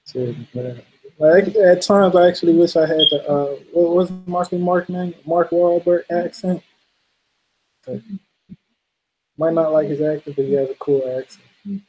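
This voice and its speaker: A man's voice: on the high side, steady tone, normal speed, warm tone, husky, poor audio. A man hosting a casual late-night livestream, laid-back and laughing often as he reads out viewer comments. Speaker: livestream host.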